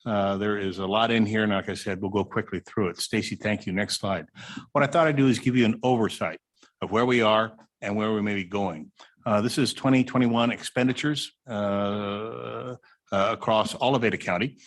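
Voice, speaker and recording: A man, a highway district director, presenting slides at a public meeting in a city hall room, halting with many uh fillers.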